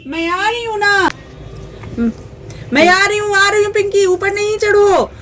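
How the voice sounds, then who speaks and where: A woman acting out a fussy young mother doll in a homemade doll story. She frets and scolds in a sing-song way, her voice pitched very high with a faint hiss behind. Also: steady tone, a little slow. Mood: hurried.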